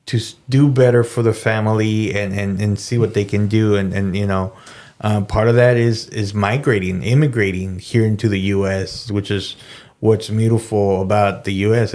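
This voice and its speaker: A man's voice: lowish voice, a little mellow. A man speaking as a podcast guest in a reflective, thoughtful way, with many fillers and some Spanish phrases. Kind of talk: reflective conversation.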